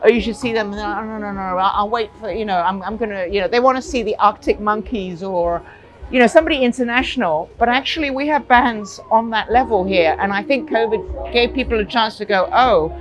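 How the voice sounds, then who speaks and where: A woman's voice: medium pitch, a little fast, rough recording. A woman in her forties from Hong Kong, talking chattily in an interview, laughing often and searching for words. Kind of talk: casual interview.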